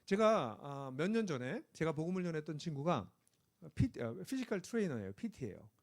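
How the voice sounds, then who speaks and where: A middle-aged man preaching a sermon as pastor, telling stories with lively energy and building to emphatic exhortation. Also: on the high side, fairly quick. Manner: animated storytelling, rising to emphatic exhortation. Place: church sanctuary.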